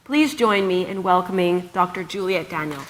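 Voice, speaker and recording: A woman emceeing a conference, briskly announcing and introducing the next speaker. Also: fairly low pitch, slight background noise. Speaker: event emcee. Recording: hall reverb with audience.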